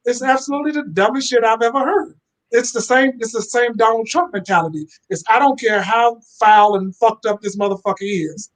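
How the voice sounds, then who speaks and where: A man's voice: very high-pitched, fairly quick. A man speaking as a guest on a live online panel, blunt and profane, over a video call.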